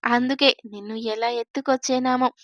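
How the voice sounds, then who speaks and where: A woman voicing a gentle, bearded grown man who teases kindly and laughs easily. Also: high-pitched, fairly even intonation, a little fast, no echo, clean studio sound. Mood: gentle amused.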